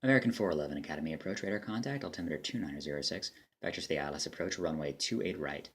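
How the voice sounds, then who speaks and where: Fast-talking deep-voiced man. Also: a bit bright, husky. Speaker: air traffic controller player and demo narrator. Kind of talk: clipped radio phraseology with casual commentary.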